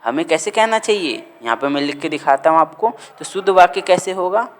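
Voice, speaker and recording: A man teaching a grammar lesson, dictating words slowly and repeating them for students to write down. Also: on the high side, animated, a little hiss or hum.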